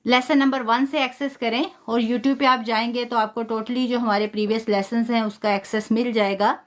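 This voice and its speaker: A woman teaching a live online Quran recitation lesson, patiently spelling out sounds slowly and praising her students. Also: fairly high pitch, steady tone.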